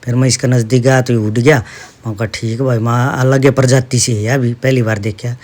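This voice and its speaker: A man's voice: medium pitch, level tone, fairly quick, darkish tone. Chatty man narrating his vlog. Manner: chatty, homely, addresses viewers with "dekho". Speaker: vlogger, father.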